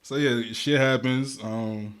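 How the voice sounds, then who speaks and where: A young Guatemalan man, a guest rapper, chats casually in an interview at a slow pace, with a crowd audible behind him. His medium-pitched voice keeps a fairly even intonation, and his laid-back, slangy speech is full of restarts and fillers.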